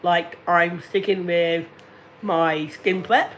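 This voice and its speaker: A man in his late thirties talking slowly and deliberately to viewers on a casual live stream, repeating himself often. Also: high-pitched, fairly even intonation, a bit bright, slight background noise. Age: 30s. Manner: slow, deliberate and repetitive. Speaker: livestreamer.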